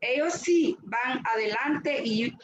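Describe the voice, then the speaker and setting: Woman speaker, fairly high voice, earnest testimony, echoey noisy room. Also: lively intonation, slow. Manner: earnest, repeats words while searching for them. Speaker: retreat speaker giving a talk. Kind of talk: faith testimony talk.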